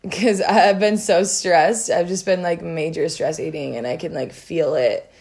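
A teenage girl co-hosting a casual chat in a relaxed, agreeable way. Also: fairly low pitch, normal speed, creaky. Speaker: co-host.

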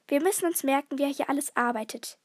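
A woman's voice: high voice, quick pace, dry recording, studio quality, lightly acted. A woman voicing a keen young boy detective in a storybook, thinking aloud.

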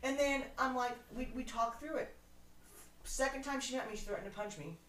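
Woman youth worker, lively storyteller, echoey room, mic set back. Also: sits high, brisk, a little hiss or hum. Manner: animated storyteller, acts out her own quotes. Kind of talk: casual podcast chat. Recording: roomy, distant mic with faint ambience.

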